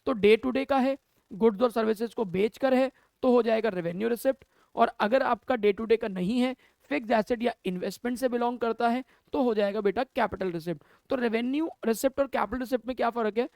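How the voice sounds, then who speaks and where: This commerce teacher speaks briskly in a very high-pitched voice with vocal fry and a darkish tone, captured by a camera mic with no echo. Teaching an accounting class, he mixes Hindi and English terms, talking to students and answering his own questions.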